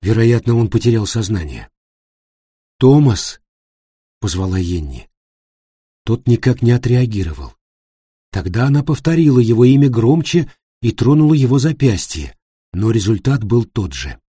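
Male audiobook narrator, mellow husky tone, steady tense storytelling. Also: medium pitch, normal speed, no room sound, studio quality. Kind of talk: scripted narration.

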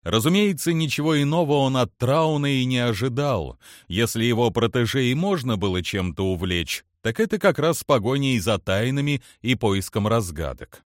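A man narrating an audiobook with expressive, lively storytelling. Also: mid-range voice, moderate pace, few pauses, no room sound, clean studio sound. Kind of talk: scripted narration.

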